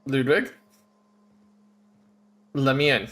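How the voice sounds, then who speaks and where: A man casually commentating on a game live as a streamer, thinking out loud. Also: medium pitch, steady tone, extremely slow. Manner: reads game text aloud, thinks out loud.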